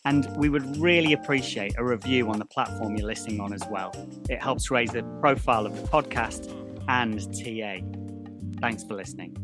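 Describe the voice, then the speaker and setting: A podcast co-host with a medium-pitched voice and moderate pace reflects earnestly and without hurry, then reads the show's outro. Music plays in the background of this casual reflection and closing announcement.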